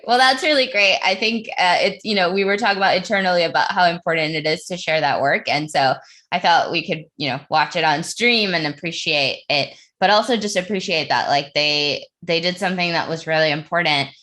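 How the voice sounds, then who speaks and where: A woman co-hosting a casual community livestream, chatty and quick to laugh, speaking into a computer mic. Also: lowish voice, sharp tone. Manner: laughs often, bubbly.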